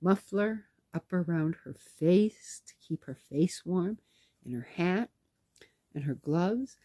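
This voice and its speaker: Woman, casual storytelling, dark mellow tone, slightly husky, dry close sound. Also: lowish voice, slow pace, no echo. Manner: chatty, animated, acts out dialogue. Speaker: knitting vlogger and caregiver.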